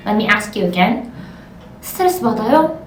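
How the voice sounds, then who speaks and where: A young woman with a Korean accent teaching an online language lesson, encouraging and repeating phrases slowly for practice. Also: mid-range voice, lively intonation, slight background noise. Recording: roomy, distant mic, faint music.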